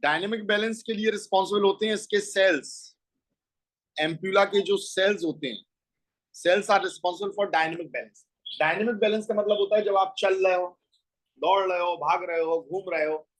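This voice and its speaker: The audio is poor as a man with a high-pitched, steady voice teaches school biology a little quickly. He breaks the lesson into steps and questions himself before supplying the answers.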